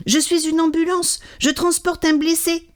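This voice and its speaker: A woman's voice: extremely high pitch, little pitch movement, moderate pace, pitched above the performer's own voice. A woman voicing a playful little boy in a children's storybook reading. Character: playful little boy carrying a hurt mouse.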